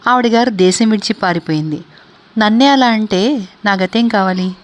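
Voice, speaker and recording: A woman voicing a scheming young maidservant in a read-aloud story, speaking quickly and quarrelsomely. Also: medium pitch, close to an everyday voice. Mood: complaining.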